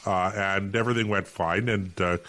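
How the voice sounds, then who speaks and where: A man with a low voice and a Canadian accent tells a story in casual podcast chat. He rambles and restarts his sentences, often stopping on "uh" and "you know.". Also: fairly even intonation, moderate pace, a bit bright. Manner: rambling, with many restarts and fillers. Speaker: podcast co-host. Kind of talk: casual anecdote on a talk podcast.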